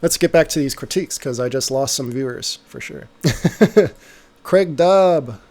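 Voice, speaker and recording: A man hosting a casual livestream, answering viewer questions about music software in a relaxed way, trailing off with fillers. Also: medium pitch, measured pace. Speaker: music producer streamer.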